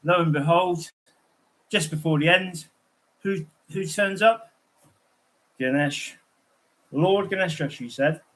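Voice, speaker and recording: Man, rambling casual storytelling, fairly high voice. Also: takes it slowly, long pauses, a bit bright, rough recording. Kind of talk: casual livestream chat.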